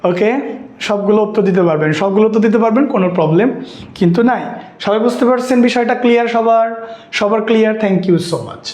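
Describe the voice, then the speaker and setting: Fast, high-voiced teacher, echoey. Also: male voice, a little mellow. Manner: repetitive, questioning students constantly. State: sweaty and worn out. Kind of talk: live online exam-prep class.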